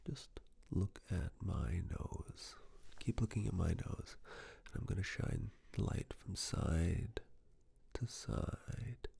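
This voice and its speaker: In a medical exam ASMR roleplay, a man gives soothing, measured instructions in a breathy, husky whisper and a soft, low voice. His delivery is expressive.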